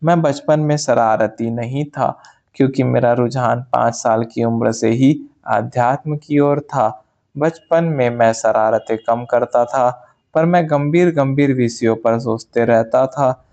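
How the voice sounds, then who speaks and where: A man narrates a spiritual memoir as an audiobook, and his delivery is slow, calm and measured. His voice sits in an ordinary middle range. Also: mid-range voice, muffled recording.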